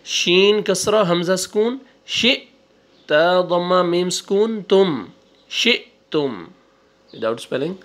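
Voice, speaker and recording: A male Quran teacher spelling out syllables one by one, drawing out the recited words and giving quick asides between them. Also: high-pitched, a bit bright. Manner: slow drawn-out recitation, then quick asides. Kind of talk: spelling out syllables in a reading lesson.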